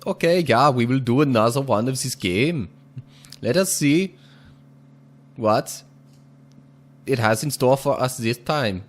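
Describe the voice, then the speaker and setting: This gaming video host comments casually on the gameplay in a medium pitch with lively intonation. He adopts an exaggerated, put-on foreign accent, stays measured and deliberate, and chuckles every so often.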